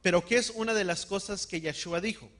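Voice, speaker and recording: A man preaching a sermon, calling on the congregation to repeat words after him and slowing down to stress key words. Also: high-pitched, a bit bright. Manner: call-and-response, has the congregation repeat words. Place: church hall.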